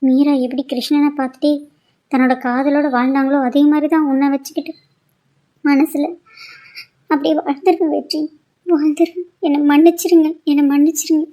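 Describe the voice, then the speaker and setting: A woman plays a proud young heroine in a cartoon drama, her voice high and clear. She talks sharply and reproachfully, and she turns pleading in her quieter moments. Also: little pitch movement, fairly quick, lightly acted. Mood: tearful. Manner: sharp, scolding then pleading.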